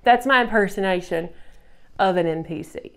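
A woman's voice: mid-range voice, normal speed, vocal fry, a bit bright, smooth. A woman vlogger reading and answering hate comments in a casual rant, sarcastic, swearing freely and laughing often. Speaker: childfree YouTuber.

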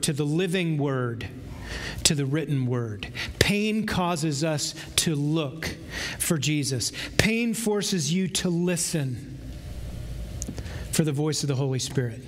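A middle-aged male pastor delivers a sermon in a slow, deliberate cadence, his fairly high voice leaning hard on each key word. The sound carries a long church reverb with faint room noise underneath. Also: a bit bright. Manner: slow, emphatic preaching with drawn-out pauses. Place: large church sanctuary with stage.

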